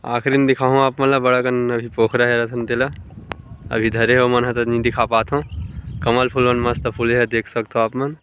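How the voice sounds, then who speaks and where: A young man with a Chhattisgarhi accent talks casually to his viewers, calling them friends, while filming beside a village pond. He keeps a flat, level delivery without much rise and fall. Faint outdoor ambience sits behind his voice. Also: medium pitch, normal speed, slight background noise. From India. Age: young adult. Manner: chatty, addresses viewers as friends. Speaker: village vlogger. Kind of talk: casual vlog narration.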